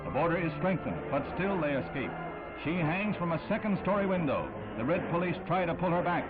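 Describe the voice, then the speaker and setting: Old newsreel guy narrating, kinda high voice, tinny old newsreel audio with loud music under it. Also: lively intonation, brisk. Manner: solemn, emphatic delivery. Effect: old newsreel sound.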